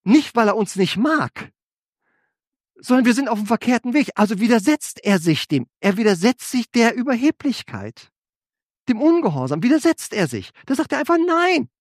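A man preaching a sermon, asking his congregation rhetorical questions and swinging between loud emphasis and quiet asides. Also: high-pitched, very animated, normal speed, dry recording, studio quality. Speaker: pastor.

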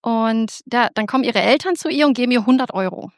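Woman, lively storyteller, excitable and rambling, higher pitch, dry recording. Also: brisk, no room sound. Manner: animated, excitable, with many restarts. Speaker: speaker giving a personal faith testimony.

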